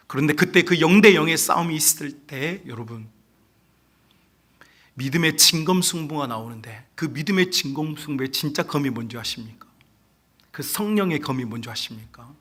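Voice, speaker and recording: A male pastor preaching a sermon with lively storytelling, moving between hushed asides and excited, loud passages. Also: medium pitch, husky.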